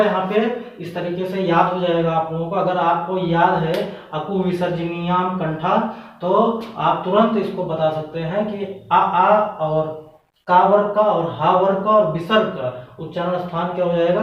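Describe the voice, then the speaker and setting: A man gives an exam-prep grammar lesson in a patient, repetitive way, asking questions and then answering them himself. His voice sits a little high and comes from some distance off the mic. The room is very echoey and the sound is dull. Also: normal speed. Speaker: Hindi grammar teacher.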